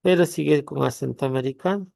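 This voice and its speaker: Un hombre con la voz áspera y crujiente, que explica un programa paso a paso con muchas pausas. La grabación es seca, sin eco de la sala. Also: male voice, a little high, vocal fry, darkish tone, no echo, clean studio sound. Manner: halting explanation, pausing with tag questions. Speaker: tutorial host. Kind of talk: screen-recorded software tutorial.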